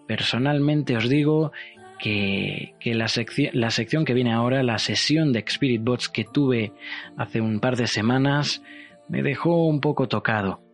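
Earnest man hosting a show. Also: mid-range voice. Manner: earnest, insistent, slows for emphasis. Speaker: host of a paranormal show. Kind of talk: confessional radio-style narration.

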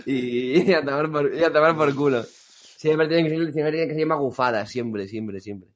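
A man's voice: fairly high pitch, normal speed. A man with a Castilian Spanish accent chatting casually in a foul-mouthed, joking way. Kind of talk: casual chat.

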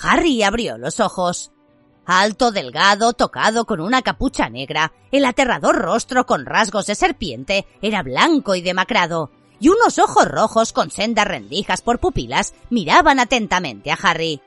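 A woman narrating an audiobook in an expressive, dramatic reading. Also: medium pitch, moderate pace, dry recording, faint music behind.

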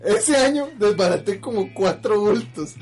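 A man with a Costa Rican accent telling a story in casual chat, lively and full of slang fillers, often laughing. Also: high voice, moderate pace, soft background music. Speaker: podcast host telling a story.

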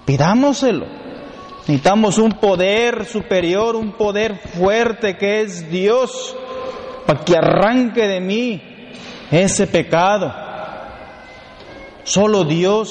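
Priest preaching, high voice, emphatic repeated lists, church echo w faint noise. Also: male voice, slow pace, darkish tone. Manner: emphatic lists, with humorous storytelling asides. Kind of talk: sermon. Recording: long hall reverb, faint background noise.

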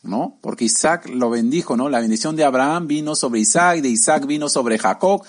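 A man's voice: mid-range voice, moderate pace. A man preaching in a casual, conversational way, retelling a Bible story and often asking his listeners tag questions. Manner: conversational, peppered with tag questions, acts out quoted voices.

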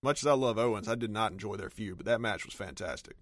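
Male podcast co-host with a low voice, dry recording, enthusiastic recap tone. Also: fast, fairly bright tone, no room sound. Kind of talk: casual chat.

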